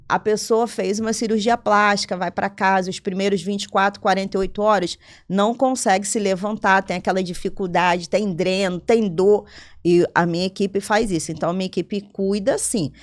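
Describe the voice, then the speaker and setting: Woman telling her story animatedly. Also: mid-range voice. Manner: animated, acts out her own quotes, frequent "entendeu?". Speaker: interview guest, business owner. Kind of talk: casual interview storytelling.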